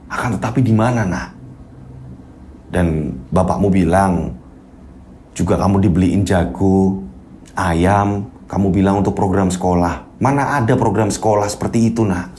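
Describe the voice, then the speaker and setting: A man voicing a stern middle-aged male schoolteacher who lectures slowly in a low voice. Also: mellow, slight background noise, lightly acted. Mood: reproachful.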